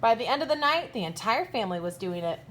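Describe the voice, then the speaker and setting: A woman kindergarten teacher reading a picture book aloud expressively, pausing to ask young listeners questions. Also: a little high, sing-song, fairly bright tone, a little hiss or hum. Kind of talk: expressive children's storytime read-aloud with asides.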